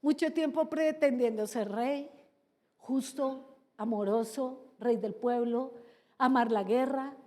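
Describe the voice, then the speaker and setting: A woman pastor preaching a sermon in a lively, theatrical way, acting out the people she talks about. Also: high-pitched, takes it slowly. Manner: lively, theatrical, acts out characters. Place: large church hall. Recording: long reverb of a big church hall.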